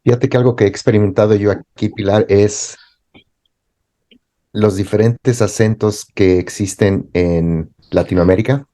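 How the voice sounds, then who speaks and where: A thoughtful man with a lowish, mellow voice. He talks as a teacher in an interview discussion, pausing and restarting as he works through his ideas. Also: fairly even intonation. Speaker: teacher and guest.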